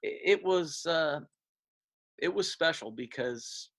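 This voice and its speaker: A man, talking as an interview guest and reminiscing in a halting way, with many fillers and restarts. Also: a little high, animated, fairly bright tone. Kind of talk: casual interview.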